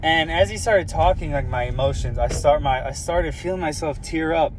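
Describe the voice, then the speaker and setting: A man's voice: on the high side, normal speed, noisy background. A young man casually telling a personal story in an earnest, rambling way, full of "like" and "um" fillers. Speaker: vlogger sharing a personal story.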